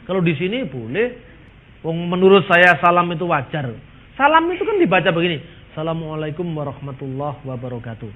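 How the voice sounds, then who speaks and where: High-voiced Indonesian man speaking, tinny. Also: brisk. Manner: lively, quotes others in shifting voices, chuckles. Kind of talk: lecture-style talk to an audience. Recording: tinny phone-like sound.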